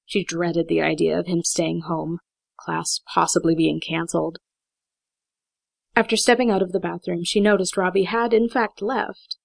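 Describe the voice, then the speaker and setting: A woman reading an audiobook aloud in a steady, measured way, with a heavy vocal fry. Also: fairly low pitch, no echo. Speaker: audiobook narrator. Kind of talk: scripted audiobook narration.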